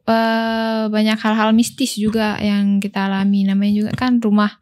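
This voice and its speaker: Woman from Lombok, Indonesia, guest storyteller, casual chat, quotes friends in lively retelling, mid-pitched voice. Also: moderate pace. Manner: animated retelling, quoting friends' words. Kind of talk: casual ghost-story telling.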